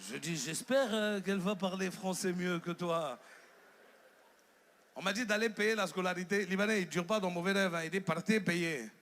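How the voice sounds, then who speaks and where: A man in his thirties with an Ivorian French accent, doing stand-up comedy on a theater stage and telling stories with animated quoted voices. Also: sits high, moderate pace.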